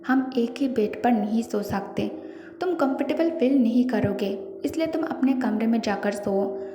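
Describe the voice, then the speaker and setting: A woman voicing a calm, matter-of-fact young husband in her own voice, recorded in an echoey room with faint music. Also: a little high, unhurried, slight background noise.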